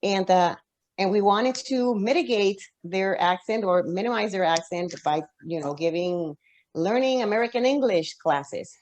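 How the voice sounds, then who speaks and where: A woman's voice: mid-range voice, moderate pace, a little mellow, a little hiss or hum. A woman author, a guest on an interview show, giving long reflective answers full of restarts and fillers.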